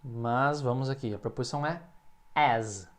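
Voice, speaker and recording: A man from Brazil teaching an English lesson in Portuguese, explaining patiently and saying the English examples slowly and clearly. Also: mid-range voice. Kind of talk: language lesson.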